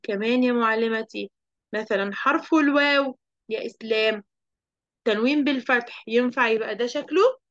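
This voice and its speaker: Lively Egyptian woman teaching children. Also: on the high side, brisk, no echo, lo-fi sound. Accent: Egyptian Arabic. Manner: lively, asks the children questions. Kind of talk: storytelling lesson for children.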